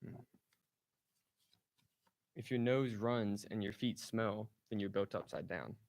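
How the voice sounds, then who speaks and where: A man trading dad jokes in a contest, delivering setups and punchlines deadpan with short thoughtful hums. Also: on the low side, slow. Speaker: joke contestant.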